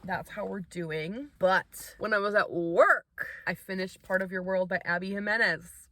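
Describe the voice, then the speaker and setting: A young woman talking casually about books in a reading vlog, chatty and expressive, laughing often, sounding tired. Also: mid-range voice, measured pace, very noisy. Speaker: book vlogger.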